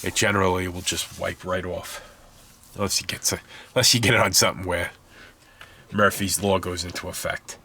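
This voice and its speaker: A man's voice: deep voice, steady tone, normal speed, bright, forceful tone, a little hiss or hum. A stuffed-up man chatting casually while showing his scale model build, rambling and correcting himself as he goes. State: stuffed up, congested. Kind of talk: casual hobby tutorial.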